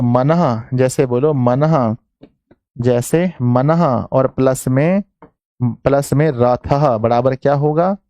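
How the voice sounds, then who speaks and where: A man with a Bihari Hindi accent teaches an exam-prep grammar class online, dictating each phrase slowly and saying it again and again. His voice is mellow and dry, close to the mic. He keeps coaxing his students along. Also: medium pitch, dry recording. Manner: coaxing, calls students "my children".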